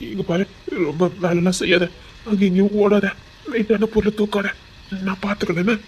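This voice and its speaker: A man acting in a melodramatic web series voices a young husband consumed by guilt, pleading urgently in a Tirunelveli Tamil accent, choked with remorse in anguished coaxing. His voice sits high and steady, a little fast, and the muffled recording has a slight hiss or hum.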